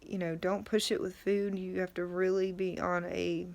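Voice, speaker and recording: Casting: middle-aged female vlogger, low creaky voice, subdued, throat sore after tonsil surgery, casual advice. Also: flat delivery, moderate pace, a little mellow. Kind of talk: casual talk to camera about recovery.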